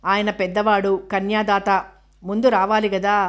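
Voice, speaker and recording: A woman reading the lines of a composed aunt in a novel, measured and calm. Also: medium pitch, natural voice.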